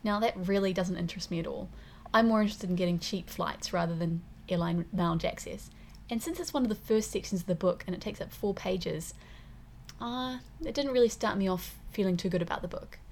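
A woman's voice: mid-range voice, a little fast, a little hiss or hum. A woman with a New Zealand accent co-hosting a podcast, giving frank, opinionated opinions in casual chat. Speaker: podcast co-host.

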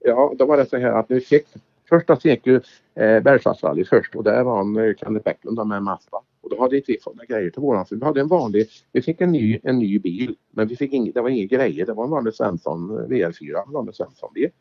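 Gravelly man telling rally stories. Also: mid-range voice. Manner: animated anecdotes, acts out quoted exchanges. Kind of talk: casual storytelling. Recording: dull lo-fi recording.

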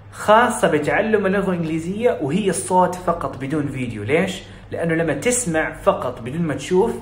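Young hijazi saudi guy hyping up his viewers, talks super fast, kinda high voice, echoey room. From Saudi Arabia. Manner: energetic, quick, encouraging. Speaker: English speaking coach. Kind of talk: casual motivational teaching. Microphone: phone video story. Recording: roomy echo, faint room hiss.

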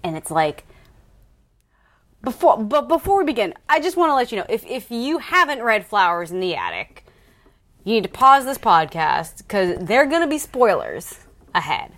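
A woman's voice: on the high side, very animated, normal speed, fairly bright tone. A woman co-hosting a casual podcast recorded in an attic, chatting with joking, mock-serious asides. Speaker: podcast co-host. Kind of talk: casual chat.

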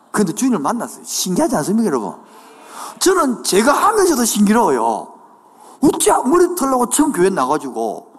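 A male pastor with a Gyeongsang Korean accent preaching a sermon in a church, dropping into dialect asides and building to shouted declarations. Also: high voice. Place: church sanctuary. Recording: church hall with long reverb.

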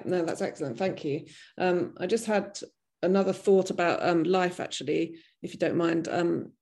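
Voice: medium pitch, creaky, a little mellow. An interviewer asking polite questions in a business interview, with some hesitant starts.

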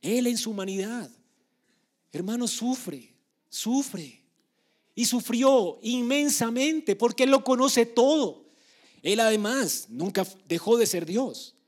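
High-voiced male preacher, emphatic delivery. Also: animated, slow pace. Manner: emphatic preaching that swings between hushed and loud. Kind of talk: sermon.

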